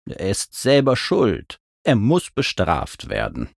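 A man reading an audiobook, voicing a gruff, stubborn male dragon who grumbles in short, laconic replies. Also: lowish voice, wildly swooping pitch, takes it slowly, no echo, studio quality, full character voice. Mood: grumpy, laconic. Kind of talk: audiobook character voice.

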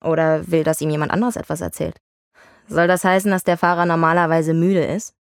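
A woman's voice: sits low, flat delivery, a little fast, gravelly, no echo, clean studio sound. A woman voicing a wry police officer in dubbed film dialogue, bickering and teasing on patrol.

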